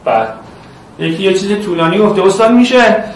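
A high-voiced man teaching a math class in a loud, animated way, speaking straight to his students. He sounds far from the microphone in a strongly echoing room, with faint noise behind him. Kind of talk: online class lecture.

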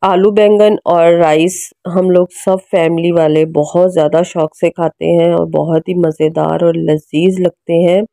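A woman's voice: on the low side, level tone, unhurried, vocal fry, few pauses, warm tone, no echo, studio quality. A woman in her thirties from Pakistan, narrating her day at home as a family vlogger in a chatty, homely way, talking straight to her viewers. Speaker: vlogger, mother and housewife. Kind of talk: casual home vlog narration. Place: small home.

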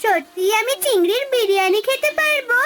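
A small cartoon girl, teary and pleading, super high voice. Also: expressive, brisk, a bit bright, soft background music. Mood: hopeful. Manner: tearful, pleading. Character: poor little village girl, gentle. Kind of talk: cartoon voice acting.

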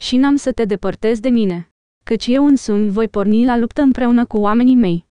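A woman reading the lines of a stern old king in an audiobook, measured and commanding. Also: on the high side, mellow, clear, resonant tone, dry recording, muffled recording, close to an everyday voice.

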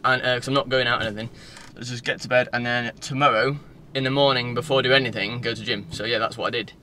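Sitting in a parked car, a young Northern English man in his 20s talks fast into his phone held at arm's length. His bright, middling-pitched voice keeps a steady tone as he rambles informally, with faint background noise in the clip.

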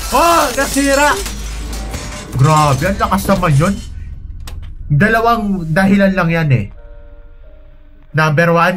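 A man hosting a reaction video, commenting on an animation in an animated, alarmed way, yelping and calling out to his viewers. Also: high-pitched. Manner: animated, yelps and shouts in alarm, addresses viewers as idols. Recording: music playing loudly behind.

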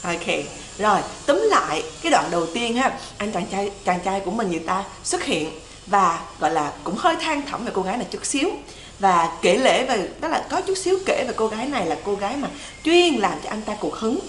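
A woman's voice: mid-range voice, sing-song, fairly quick, roomy sound, slight background noise, poor audio. A young woman teaching English pronunciation on a livestream, chatty and repeating words to drill them. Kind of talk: livestream song lesson.

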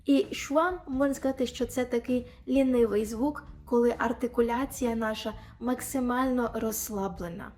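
A woman with a Ukrainian accent teaching English pronunciation, saying example sounds slowly and clearly, with faint music behind. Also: fairly high pitch, darkish tone. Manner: clear, demonstrative, over-articulating example sounds. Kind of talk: pronunciation lesson.

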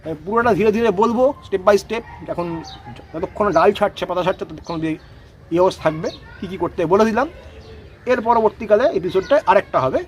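A man's voice: high voice, a little hiss or hum. A man explaining rose potting outdoors in a casual, explanatory way, often checking that listeners follow. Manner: explanatory, repeats "ঠিক আছে?" to check understanding. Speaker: rose gardening expert.

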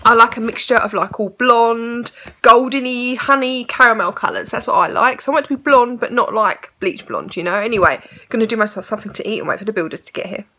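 An English woman in her 30s chats casually to the camera from inside her home, rambling a little. Her voice is fairly high, brisk and sharp, and as a vlogger she slips into fond baby talk with her cats.

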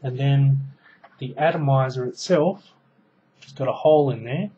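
A warm, slightly rough mid-range male voice at normal speed, with the highs cut off. The Australian product reviewer, in his thirties, rambles through a casual gadget demo with lots of ums and restarts, hands busy. He's in a small room at home, close to a webcam mic.

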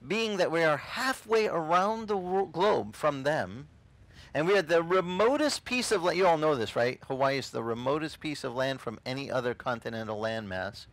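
Animated middle-aged pastor preaching on a beach. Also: male voice, medium pitch, dry recording, poor audio. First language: not English. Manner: animated, gestures a lot, acts out quoted voices. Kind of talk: casual beach sermon. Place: outdoors on a beach.

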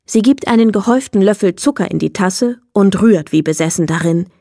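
A woman's voice: medium pitch, fairly quick, mellow, dry recording, studio quality. Woman narrating a children's audiobook. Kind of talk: children's book reading.

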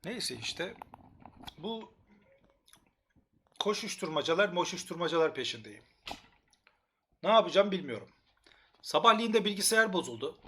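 A man livestreaming, ranting at his chat with crude swearing and halting broken English, swinging between low mumbles and shouts. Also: sing-song, a little hiss or hum.

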